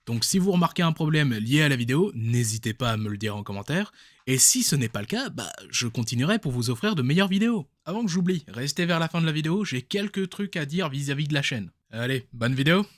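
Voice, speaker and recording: A man's voice: fairly high pitch, lively intonation, quick pace. A man doing comedic commentary on a video, sarcastic, with joking asides. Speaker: YouTuber.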